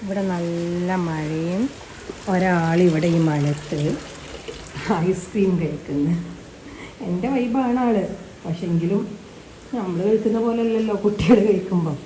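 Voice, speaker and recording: A young adult woman, a mother vlogging with her little daughter, coaxing and teasing her with questions, then dropping to quieter asides for viewers. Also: fairly low pitch, unhurried, pauses often, a little hiss or hum, poor audio. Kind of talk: casual family vlog chat.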